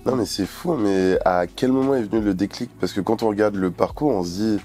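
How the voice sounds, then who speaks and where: A man's voice: fairly low pitch, fairly quick, warm tone. A man hosting an interview, asking questions and giving frequent short agreements. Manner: affirming, frequent backchannel "ouais". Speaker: interview host.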